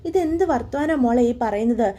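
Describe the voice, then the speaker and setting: A woman voicing a scheming, smooth-talking middle-aged father in a retold soap story, in a coaxing tone. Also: on the high side, expressive, fairly quick, warm tone.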